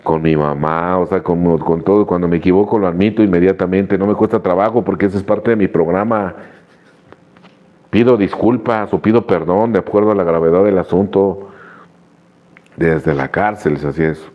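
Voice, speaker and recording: A man's voice: low voice, steady tone, moderate pace. A man giving an earnest, repetitive personal testimony at a recovery meeting. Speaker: recovering member sharing his story. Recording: dull lo-fi radio recording.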